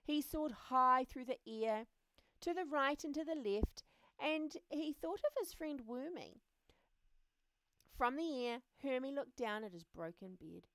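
Expressive woman reading a picture book. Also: high-pitched, a little slow, clear, resonant tone, no echo. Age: adult. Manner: expressive, often drops to a soft hush. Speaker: reader.

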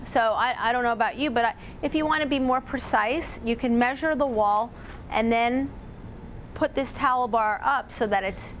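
A woman's voice: fairly high pitch, moderate pace, slight background noise. A woman in her forties giving a casual home repair demonstration to a small audience in a store, speaking into a lapel mic. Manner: chatty, casual, talks directly to the audience. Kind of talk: live workshop demonstration.

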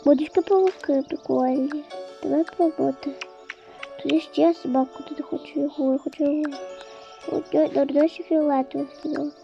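A woman excitedly narrating her game-play as a spooky story, with frequent exclamations. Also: high-pitched, a little fast, creaky. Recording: dull lo-fi with faint music.

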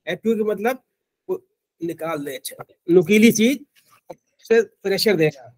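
A man's voice: high voice, measured pace. A man teaching acupressure in an online class, explaining informally with frequent restarts and fillers.

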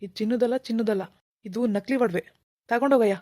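Cartoon: woman doing a gruff sneering shopkeeper, rapid, dry, dark. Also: a little high, no echo, lightly acted. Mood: scornful. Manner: gruff, dismissive, shooing people away. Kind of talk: animated cartoon dialogue.

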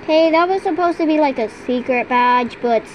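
A woman's voice: high voice, moderate pace, muffled recording, a little hiss or hum. A female gamer chatting casually and giggling as she plays, with lots of ums along the way, at home at her computer. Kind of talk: casual game commentary.

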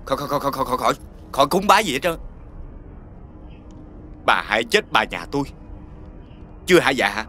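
An actor playing an angry, grieving middle-aged widower in a TV drama, scolding and chasing off an unwelcome in-law. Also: male voice, medium pitch, very animated, fast talker, long pauses, slight background noise. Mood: bitter. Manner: hostile, scolding, shouting orders. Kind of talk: TV drama acting.

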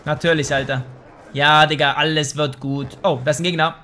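Slangy, high-voiced young gamer guy. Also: normal speed, a little hiss or hum. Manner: slangy, swears and trash-talks; excitable outbursts. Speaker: let's play host. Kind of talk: casual gameplay commentary.

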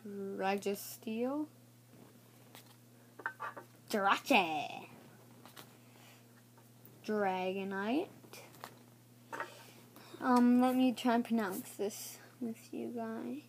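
A woman showing off trading cards in a casual video, naming each one haltingly and unsure of some names. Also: on the high side, steady tone, slight background noise. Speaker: card showcase vlogger. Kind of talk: casual card showcase.

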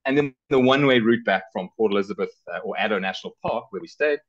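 A middle-aged South African man, a car rental company director, speaks casually as a travel guest in an interview. He talks fast in a lowish voice through a headset on a video call, and the audio sounds slightly dull.

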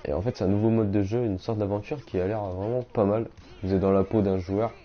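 A young man chatting casually on a game live stream, reading out viewers' messages and answering them in slangy, relaxed talk. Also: fairly low pitch, brisk. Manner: slangy, reads chat aloud and answers viewers. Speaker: gaming streamer. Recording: dull lo-fi stream audio.

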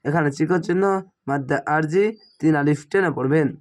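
A man's voice: a little high, a little fast. A man with a slightly strained throat teaching Quran reading, spelling out Arabic syllables one by one and drawing out the recited words.

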